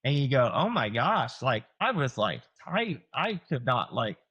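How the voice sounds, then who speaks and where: Very animated and forceful, this Southern-accented chiropractor in his forties explains things as a podcast guest, peppering his casual talk with fillers and playacted patient lines. He has a medium-pitched, bright, slightly rough voice and keeps a measured pace.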